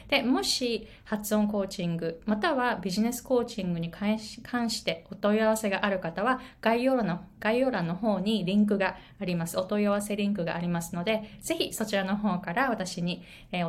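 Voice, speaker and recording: A woman in her forties, a pronunciation coach whose first language is Japanese, teaching in a casual video lesson and telling stories with lots of fillers. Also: medium pitch. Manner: animated storytelling with many fillers.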